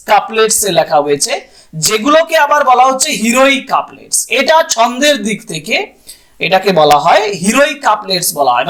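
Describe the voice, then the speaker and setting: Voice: mid-range voice, a bit bright. A teacher with a Bengali accent explaining exam questions, repeating each point in two languages and spelling out words. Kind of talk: exam-prep lesson in Bengali and English.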